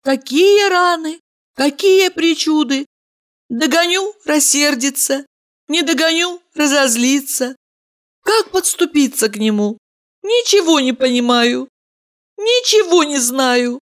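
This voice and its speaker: A woman voicing an emotional, excitable young woman who pleads in shrill, breathless cries. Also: slow pace. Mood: excited.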